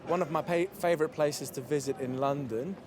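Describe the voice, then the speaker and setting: A man's voice: fairly high pitch, a little fast, a crowd in the background. A man speaking hesitantly and thoughtfully about travel plans in a street interview. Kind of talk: casual chat.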